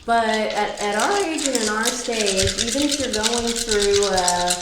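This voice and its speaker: A woman's voice: on the high side, unhurried, echoey room, a loud crowd, rough recording. A middle-aged woman giving a casual tarot reading, blunt and profane, with emphatic repetitions. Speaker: tarot reader.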